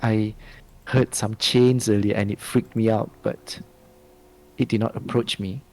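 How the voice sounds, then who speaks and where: A man voicing a nervous male companion waiting alone in the dark, speaking hesitantly. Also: lowish voice, level tone, a little slow, lightly acted, low-quality recording.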